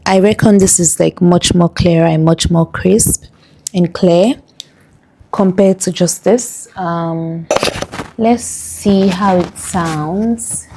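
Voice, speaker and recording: A woman's voice: on the low side, takes it slowly, mellow. A woman chatting casually as she tests a small clip-on wireless mic indoors, her voice run through the mic's noise-reduction processing. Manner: chatty, gushing, rambling with fillers. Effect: noise-reduction processing from the mic's noise cancellation. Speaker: vlogger reviewing wireless mics. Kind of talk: casual product review chat. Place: indoor room with air conditioning running.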